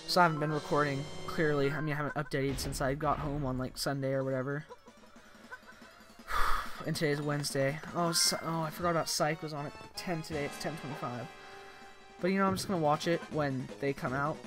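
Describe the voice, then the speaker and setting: This young let's play commentator sounds tired as he rambles casually over background game music, leaning on "like" nonstop. His voice sits on the high side, a little fast, with fairly even intonation.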